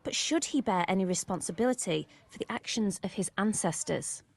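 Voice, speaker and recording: A woman TV news reporter delivering a scripted report in a measured, formal way. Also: mid-range voice, expressive, gravelly.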